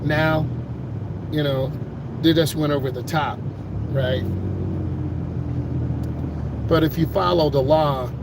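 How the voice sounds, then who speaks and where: A man's voice: fairly high pitch, steady tone, slow pace, long pauses. A middle-aged American man talking casually as a driving instructor, with streetwise, emphatic, slangy storytelling. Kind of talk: casual chatty talk during a driving lesson. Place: inside a moving car. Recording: loud car and road noise.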